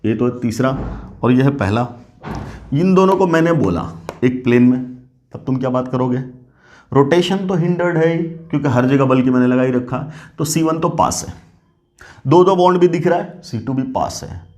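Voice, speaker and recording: A man's voice: medium pitch, animated, moderate pace, darkish tone. A man gives a chemistry lesson at a board. He keeps asking his students questions and then answering them himself. He calls them "beta" and slips English phrases into the lecture. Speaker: chemistry teacher.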